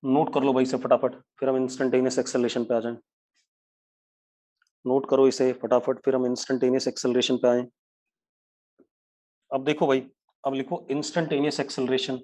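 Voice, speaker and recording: A man teaching physics in a live online class, talking briskly in a mix of Hindi and English terms and scolding students by name. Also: medium pitch, little pitch movement, mellow.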